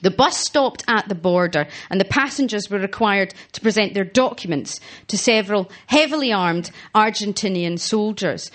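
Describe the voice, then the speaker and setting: A woman's voice: mid-range voice, normal speed, hardly any pauses, fairly bright tone. A Scottish woman performing a self-mocking stand-up comedy set, laughing at her own punchlines. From Scotland. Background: audience laughter.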